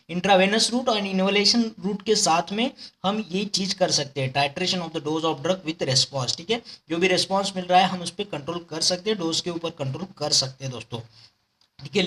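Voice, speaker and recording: A man's voice: high voice, a bit bright. A man teaching pharmacology for exams, explaining step by step with memory tricks and often checking in with his listeners. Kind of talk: exam-prep lecture with memory tricks.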